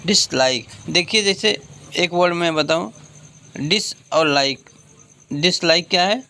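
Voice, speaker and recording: Slow, gravelly male teacher. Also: on the high side, bright, forceful tone. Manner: explains slowly, repeats points, reads English lines then explains in Hindi. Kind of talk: exam revision lecture.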